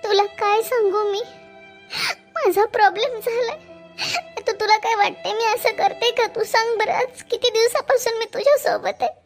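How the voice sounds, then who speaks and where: Woman voicing a shrill fretful young woman. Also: steady tone, faint music behind. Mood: defensive. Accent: Marathwada Marathi. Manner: pleading, fretful, rapid. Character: young woman, secretive anxious girlfriend. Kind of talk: cartoon story voice acting.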